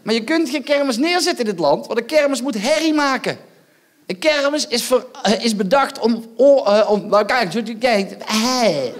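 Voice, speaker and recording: High-voiced stand-up comedian, mocking. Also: male voice, animated, moderate pace. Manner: loud, mocking, goading the audience with rhetorical asides. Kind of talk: live stand-up performance. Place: theatre stage.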